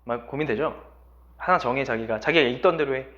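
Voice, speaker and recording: A man's voice: medium pitch, fairly quick, lo-fi sound. A man teaching a language lesson who keeps quizzing his students as he explains. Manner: lively, constantly quizzing students. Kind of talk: classroom lecture.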